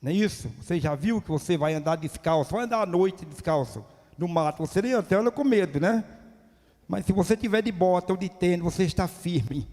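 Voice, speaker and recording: A high-pitched male preacher delivers a sermon. He is emphatic and builds toward near-shouting at his peaks, leaning on rhetorical questions. His voice trails off into the long reverb of a church hall. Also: expressive, a little fast.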